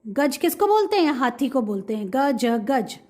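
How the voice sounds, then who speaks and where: A woman teaching a kindergarten Hindi class, sounding out letters and words slowly so children can repeat after her. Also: high voice, big pitch swings, darkish tone. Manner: slow, drawn-out syllables, call-and-repeat drilling. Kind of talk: online lesson for young children.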